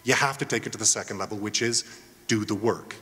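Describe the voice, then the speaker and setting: A man's voice: fairly low pitch, fast talker, sharp tone. A middle-aged man giving a keynote podium speech in a conversational, jokey, self-deprecating manner. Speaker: keynote speaker, college alumnus. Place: large hall at a graduation ceremony. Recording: echoey hall with long reverb.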